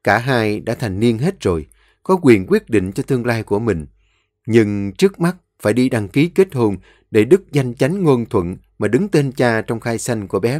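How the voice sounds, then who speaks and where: A man's voice: mid-range voice, darkish tone, no echo, studio quality. A man narrating an audio story expressively.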